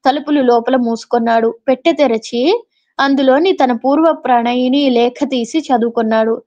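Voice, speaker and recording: A woman's voice: high-pitched, normal speed, a little mellow. A woman reading an old literary novel aloud as a storyteller, stopping now and then to explain in plain talk. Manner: reads old literary prose, adds casual explanations. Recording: dull lo-fi audio.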